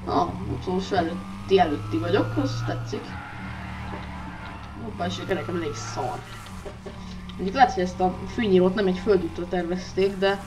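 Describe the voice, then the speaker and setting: A woman giving let's play commentary on a racing game, excitable and often shrieking at crashes, talking loudly into a poor microphone. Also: on the low side, long pauses, over music. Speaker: gamer. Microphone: poor gaming mic, speaking loudly into it. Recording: distant mic with faint noise.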